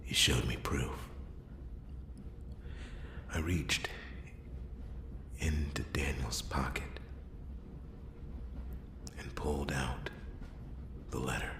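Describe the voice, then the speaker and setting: A man voicing a world-weary noir detective in an ASMR role-play, brooding and halting, with dramatic pauses and a gravelly, breathy voice. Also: extremely low pitch, steady tone, reverberant, noisy background, heavily acted. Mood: dawning realization. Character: world-weary male noir detective piecing together a murder.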